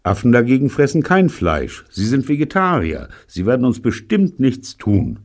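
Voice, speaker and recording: A man reading aloud, voicing a calm, patient adult schoolmaster who lectures in a dry, level way. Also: mid-range voice, moderate pace, voice pushed up. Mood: calm, lecturing.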